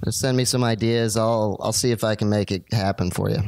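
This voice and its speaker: A man's voice: on the low side, steady tone, fairly quick, gravelly, a little mellow, no room sound. A man playing a bumbling amateur bottle artist in a radio comedy sketch, hesitant and rambling with many fillers. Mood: awkward. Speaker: interview guest.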